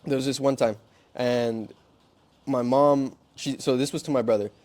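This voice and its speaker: A man's voice: mid-range voice, steady tone, normal speed, a little mellow. A man co-hosting a podcast in casual chat, candid and swearing freely, slipping Spanish phrases into his English. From Mexican-American family from Durango. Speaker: podcast co-host.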